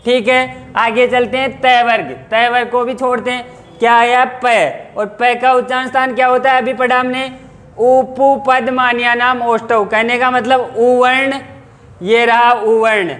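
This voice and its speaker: A man's voice: very high voice, fairly even intonation, unhurried, a bit bright. A male teacher giving an exam-prep grammar lesson, explaining step by step and asking and answering his own questions.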